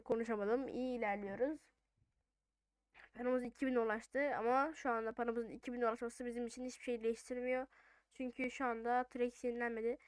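High, clear gamer voice, female. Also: dry recording. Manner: informal, thinking aloud. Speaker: gaming video host. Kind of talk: casual gameplay commentary.

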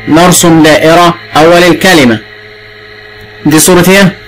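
A man's voice: on the high side, fairly even intonation, a bit bright, rough recording. A man with an Egyptian accent teaching the alphabet to young children, drawing out sounds and prompting patiently. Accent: Egyptian Arabic. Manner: patient, drawn-out and repetitive prompting.

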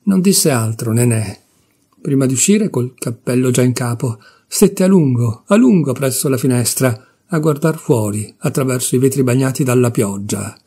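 A man reading a classic novella aloud in a measured, expressive narration. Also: medium pitch, breathy edge. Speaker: reader of literature.

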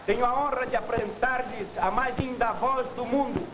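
Ringmaster for 1950s film: very high, grandiose showman voice, echoey, very noisy old soundtrack. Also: moderate pace. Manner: grandiose, projected showman delivery. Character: grandiose male circus ringmaster presenting a star singer. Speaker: circus ringmaster announcing an act.

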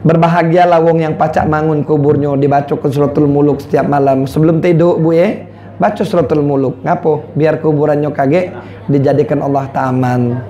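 Lively man preaching with a Palembang accent. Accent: Palembang Malay. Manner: lively, swings from loud calls to low quiet lines. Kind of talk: sermon.

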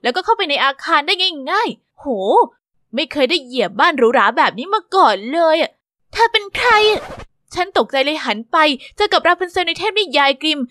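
A young woman narrating an animated story in the first person, expressive and exclaiming. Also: very high voice, a little fast, dry recording.

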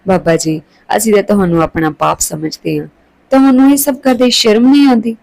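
Woman reading as a young wife, pleading, accusing, raised pitch, storybook. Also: fairly even intonation, fairly quick, vocal fry, darkish tone, lightly acted, poor audio. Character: young wife, distraught and defiant.

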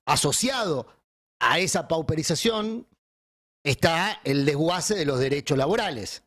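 An Argentine man argues forcefully and bluntly in a panel debate. His voice sits a little high for a man. He drags out words to stress his points. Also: lively intonation. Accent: Argentine Spanish. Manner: forceful, blunt, slows for emphasis. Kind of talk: political panel talk.

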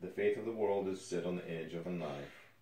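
A man's voice: deep voice, brisk, mellow, far from the mic. A man performing a dramatic scene as a stern, contemptuous rescuer interrogating someone. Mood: solemn. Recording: echoey room, off microphone.

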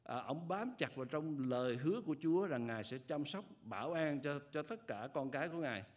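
An older man delivers a sermon from a church pulpit into a pulpit microphone. His delivery is measured and earnest, with frequent hesitation fillers as he explains each point. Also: on the high side, animated. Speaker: pastor.

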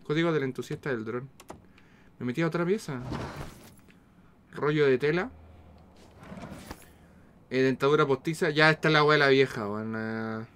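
A man with a Chilean accent giving casual, slangy, foul-mouthed and excitable commentary as he streams a video game. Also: mid-range voice, normal speed, pauses often, a little hiss or hum. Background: game music.

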